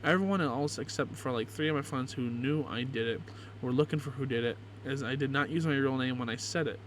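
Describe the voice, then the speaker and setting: A man's voice: medium pitch, steady tone, fairly quick, a little hiss or hum, poor audio. A young man reading aloud casually and gleefully, with crude, amused reactions, as a YouTube creator would. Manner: crude, joking, swearing.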